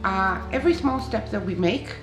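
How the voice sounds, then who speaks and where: A woman's voice: medium pitch, lively intonation, normal speed. A woman from Latvia speaks proudly and persuasively about the products she presents, with a few uhs along the way. The sound is roomy, with faint music behind her. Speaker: exhibitor of energy products. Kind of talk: documentary interview.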